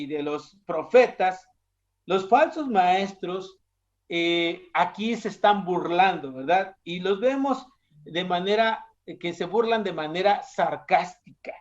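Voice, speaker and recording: A young man from Mexico preaches with a high voice, speaking in a conversational way. He keeps turning to his listeners with questions. The sound is dull and lo-fi. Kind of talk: sermon.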